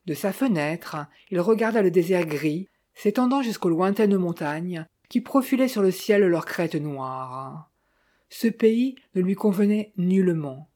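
A woman narrating an audiobook in a measured, even reading style. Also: lowish voice.

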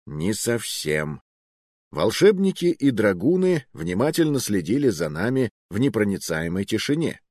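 A man narrating a first-person adventure audiobook with expressive, lively storytelling. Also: lowish voice, moderate pace, hardly any pauses, dry recording, studio quality.

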